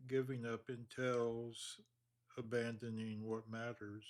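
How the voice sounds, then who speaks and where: A man with a medium-pitched voice guides a meditation, his delivery slow, calm, and measured, with long pauses.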